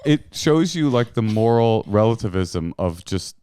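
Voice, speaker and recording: A man's voice: on the low side, sing-song, measured pace, a crowd in the background. A man co-hosting a podcast, telling stories casually with wry comedy and acted-out quotes. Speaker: podcast co-host. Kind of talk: casual comedic storytelling and banter.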